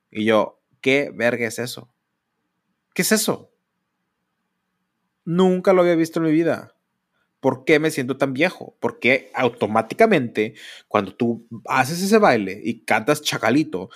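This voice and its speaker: Speaking candidly and wandering off track, a thirty-something podcast host with a Mexican Spanish accent runs his show solo. He mocks people by putting on exaggerated high voices.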